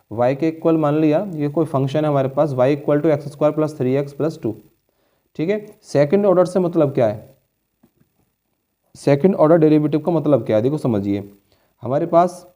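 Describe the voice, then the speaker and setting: A man's voice: a little high, warm tone. A man teaching a board-exam maths lesson, explaining each step patiently and checking in with his students often. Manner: addresses students as children.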